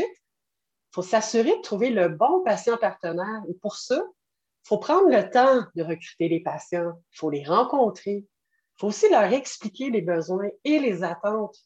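A patient partner in her late forties joins a podcast as a guest, answering earnestly with a French Canadian accent in a medium-pitched, slightly mellow voice. Recording quality: a little dull, narrow-band.

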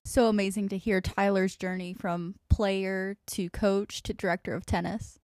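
A woman hosts the interview, reading short scripted links and asking questions in a clear, even way. Her voice is close and dry, with no room around it, in a middle register. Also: mid-range voice, normal speed, no room sound.

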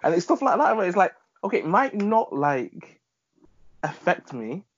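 A high-voiced man speaking at normal speed tells an animated story as a panel guest in a casual group discussion, acting out the callers and people he talks to. The sound is dull, lo-fi and dry.

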